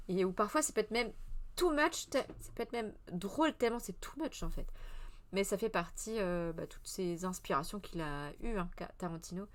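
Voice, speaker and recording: Une femme d'une trentaine d'années anime une revue de presse culturelle en direct, sur un ton décontracté et bavard. Elle hésite souvent, se reprend en cours de phrase et répond aux messages du chat au fil de la conversation. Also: female voice, on the low side. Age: 30s. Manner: chatty and meandering, with many hesitations and self-corrections; answers the live chat as she goes. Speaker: streamer hosting a culture press review. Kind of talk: casual live press review.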